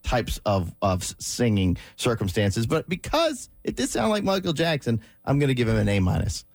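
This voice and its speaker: Animated male radio co-host, thoughtful. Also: mid-range voice, normal speed, no room sound, faint music behind. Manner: thoughtful, self-correcting. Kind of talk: casual studio chat.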